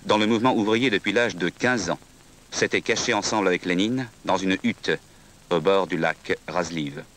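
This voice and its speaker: Deep-voiced man narrating a historical documentary. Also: moderate pace, fairly bright tone.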